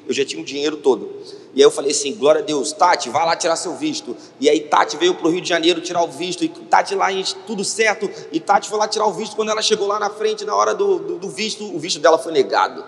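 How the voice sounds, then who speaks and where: A man with a Brazilian Portuguese accent preaching a testimony sermon, retelling a story with lively quoted dialogue. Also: a little high. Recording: long hall reverb.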